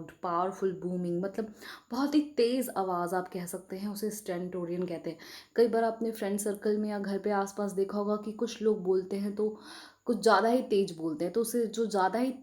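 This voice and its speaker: A woman with an Indian English accent leads a casual vocabulary lesson, friendly and chatty, with frequent check-ins to her viewers. Her voice sits at an ordinary middle pitch and has a warm, mellow tone. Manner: friendly, repeats "friends" and "okay?" often.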